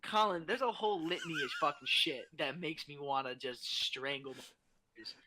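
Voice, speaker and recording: A man's voice: fairly high pitch, wildly swooping pitch, brisk, background noise. A young adult man talking as a guest in a casual podcast chat, ranting animatedly and swearing a lot.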